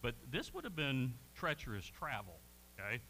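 A man teaching an adult Sunday school class, folksy and animated, often checking in with the class. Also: mid-range voice, moderate pace, slight background noise, low-quality recording. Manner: animated, folksy, frequent "okay?" check-ins. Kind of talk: conversational Bible lesson.

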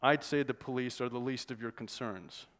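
A man's voice: medium pitch, moderate pace, fairly bright tone, close to an everyday voice. A man reading aloud from a novel, voicing a wounded male mechanic who speaks curtly and holds back his anger. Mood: tense. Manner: curt and tense, holding back anger. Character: wounded, angry male mechanic holding a captive.

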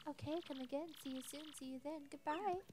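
A woman's voice: high-pitched, a little fast, voice pushed up, close to an everyday voice. A woman voicing a cheerful female video game fortune teller with sing-song rhyming patter. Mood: welcoming, mystical. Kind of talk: reading game dialogue aloud in character.

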